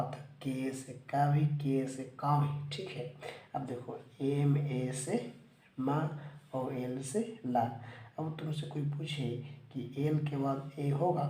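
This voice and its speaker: A man teaching English spelling, slowly drilling words aloud, recorded on a phone without showing himself. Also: medium pitch, mellow. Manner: slow, repetitive, drilling words aloud to students. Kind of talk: spoken spelling lesson. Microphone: handheld phone recording, teacher not on camera. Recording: echoey room with faint ambience.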